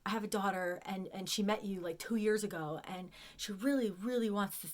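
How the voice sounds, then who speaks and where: A woman's voice: medium pitch, a little fast. A woman telling a personal story to the camera, emotional and close to tears, often repeating words as she goes. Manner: emotional, near tears at times. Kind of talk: casual storytelling.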